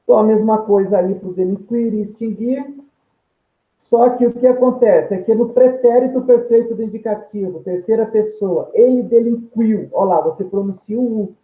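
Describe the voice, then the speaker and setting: High-voiced male teacher, tinny echoey sound. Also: steady tone, moderate pace. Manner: explanatory, points at examples on screen; stretches out example words syllable by syllable. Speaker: Portuguese grammar teacher. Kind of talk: video lesson explaining grammar.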